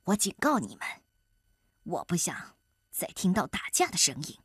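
A woman's voice: on the low side, huge pitch swings, moderate pace, slightly rough, dry recording, studio quality, pitched below the performer's own voice, exaggerated voice. A woman voicing a stern father rooster giving orders in a children's storybook. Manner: commanding. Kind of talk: storybook voice acting.

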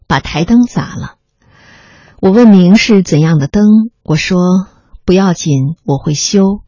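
A narrator calmly reading a memoir aloud, in a measured storytelling manner. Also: mid-range voice, slightly rough, no echo. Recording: slightly muffled recording with faint music.

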